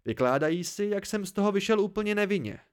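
A man's voice: sits high, expressive, smooth, pitched above the performer's own voice. A man reading an audiobook, voicing an irritable, blunt male student friend who scolds. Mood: irritated.

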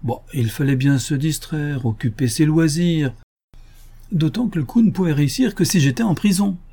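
A man voicing a suave, mocking gentleman burglar in an audiobook, ironic and self-assured, with a mellow, husky voice. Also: fairly high pitch, normal speed, pitched above the performer's own voice. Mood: playful.

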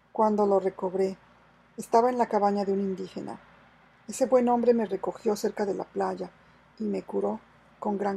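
A woman reading aloud and voicing a loyal, recovering male sailor in a storybook adventure, speaking quietly and earnestly in a gravelly, husky voice. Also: medium pitch, low-quality recording.

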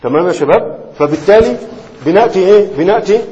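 A man's voice: sits high, lively intonation, warm tone. A man with an Egyptian Arabic accent teaching a classroom lesson on Arabic morphology, often stopping to ask his students if they follow. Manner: keeps checking students' understanding with quick questions. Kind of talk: classroom lecture. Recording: reverberant hall, dull lo-fi sound.

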